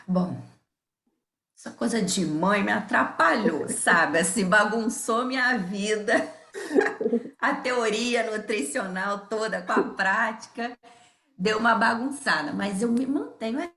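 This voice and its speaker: A woman's voice: mid-range voice, takes it slowly, vocal fry. A middle-aged woman with a Brazilian Portuguese accent, a nutritionist guest who chats openly and laughs often as she tells stories. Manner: lively, laughs often, acts out remembered dialogue. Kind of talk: candid conversational storytelling. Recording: roomy echo.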